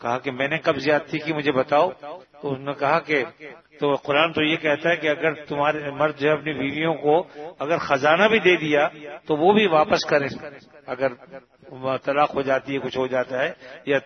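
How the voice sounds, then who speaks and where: A man giving a sermon that explains scripture, chanting verses slowly before paraphrasing them. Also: on the high side, fairly even intonation. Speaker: religious preacher. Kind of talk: Quranic commentary sermon. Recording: dull lo-fi recording, audience around.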